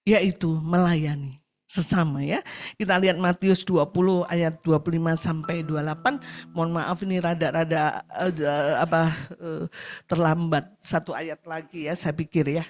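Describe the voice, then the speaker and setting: Animated woman preaching a sermon. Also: moderate pace. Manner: animated storytelling, acting out quotes in a high voice; addresses listeners as "Saudara". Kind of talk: sermon over a video call. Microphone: video call.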